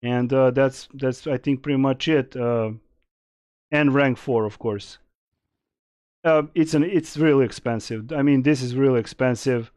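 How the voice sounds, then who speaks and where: Young male streamer, unhurried, clear voice, dry close sound, rambling chat replies. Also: medium pitch, darkish tone, no room sound. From Serbia. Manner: rambling, many fillers and restarts, reading chat aloud. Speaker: game streamer. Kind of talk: casual live-stream Q&A.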